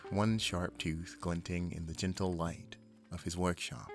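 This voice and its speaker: Man, very low voice, ASMR sleep narration, soothing guided storytelling, faint plucked guitar music. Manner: soothing, unhurried second-person guiding.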